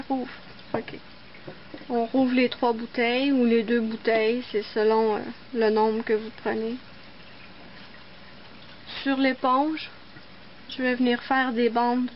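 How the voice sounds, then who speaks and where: A woman's voice: fairly high pitch, lo-fi sound, a little hiss or hum. A woman hosting a casual nail art tutorial, chatting and explaining each step as she works. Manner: chatty, explains while working.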